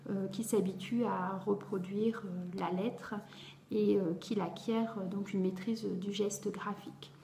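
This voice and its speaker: A woman tutor explaining how to teach a child to read syllables, sounding each one out slowly and clearly and praising often. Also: medium pitch, a little mellow, slight background noise. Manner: slow, carefully articulated syllables, encouraging. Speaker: reading tutor for young children. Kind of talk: instructional video explaining phonics. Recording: roomy echo.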